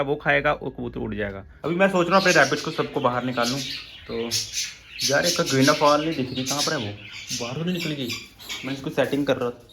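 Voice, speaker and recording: A man's voice: medium pitch, fairly bright tone, a little hiss or hum. A young man vlogging at his backyard bird enclosure, chatting casually to viewers while feeding his pigeons and chicks. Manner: chatty, addresses viewers as friends. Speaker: vlogger keeping birds and rabbits. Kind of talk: casual vlog narration. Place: outdoor rooftop bird enclosure.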